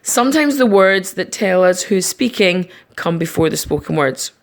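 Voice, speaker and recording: A woman teacher giving a recorded online lesson, patiently explaining each step slowly. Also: on the low side, lively intonation. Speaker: primary school teacher.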